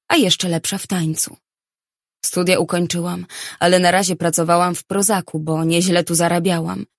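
Low-voiced woman reading an audiobook. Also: no room sound, clean studio sound. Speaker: audiobook narrator. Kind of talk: first-person audiobook narration.

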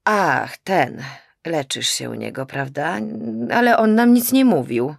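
A woman voicing a stern, quiet older father in an audiobook, speaking slowly and low. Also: sing-song, creaky, no echo, clean studio sound, heavily acted. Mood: grave. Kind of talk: audiobook character voice.

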